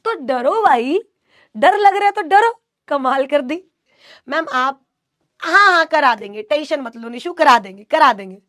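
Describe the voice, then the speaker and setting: A woman's voice: high voice, animated, measured pace, fairly bright tone, no room sound, clean studio sound. A woman teaching an online exam coaching class, reading students' chat questions aloud and answering with playful teasing.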